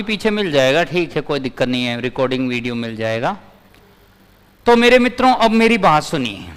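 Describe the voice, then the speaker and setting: High-voiced man teaching a live class. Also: a bit bright, clear, resonant tone, big-room sound. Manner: repeats points and answers chat comments. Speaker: physics teacher.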